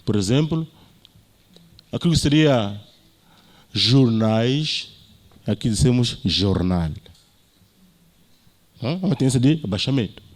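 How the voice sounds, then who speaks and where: A man's voice: mid-range voice, lively intonation, a little fast, a little mellow. A man with a Mozambican Portuguese accent, a university lecturer giving an academic talk and explaining points with frequent tag questions.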